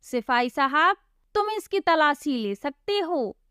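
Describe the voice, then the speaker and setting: A woman's voice: sits high, lively intonation, slow pace, a bit bright, no echo, clean studio sound, exaggerated voice. A woman voicing Jaggi, a sly, scheming young man who plays the innocent friend and talks smugly. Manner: smug, mock-innocent.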